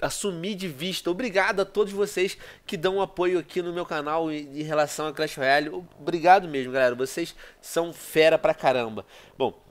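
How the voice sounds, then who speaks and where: A gaming YouTuber in his thirties with a Brazilian Portuguese accent gives casual game commentary over a headset from a small room at home. His voice is fairly high and a bit fast, and he sounds congested from a cold. He's chatty, talks to viewers constantly, and breaks into excitable outbursts.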